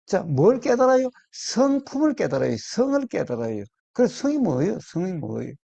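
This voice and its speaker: A man giving a Buddhist dharma talk, slow and deliberate, repeating key words and quizzing his listeners. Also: high-pitched, very animated, gravelly, warm tone, no room sound. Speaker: Buddhist meditation teacher. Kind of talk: dharma talk to a small group.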